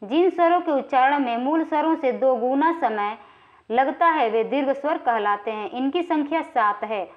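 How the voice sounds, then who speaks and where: High-voiced woman teaching grammar. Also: expressive, normal speed. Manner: explanatory, frequently checks in with "ठीक है" and draws vowels out when naming sounds. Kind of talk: exam-prep lecture, reading and explaining quiz questions. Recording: slightly dull, lo-fi recording.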